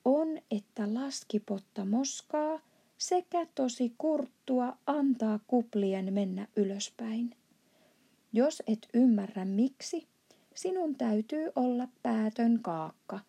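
A huge, good-natured old giant bellows in broken, made-up words, played by a woman reading aloud. The voice is dark and gravelly with a husky edge. He swings from earnest explaining to loud indignation, a storybook giant. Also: on the high side, lively intonation, heavily acted. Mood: indignant, shouting. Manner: mangled grammar and made-up words, shouts in outbursts. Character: huge kindly old male giant, blustering.

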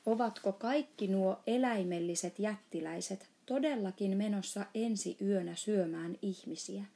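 A woman's voice: medium pitch, gravelly, warm tone, lightly acted. A woman voicing a curious, earnest little girl in a storybook reading. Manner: questioning, earnest.

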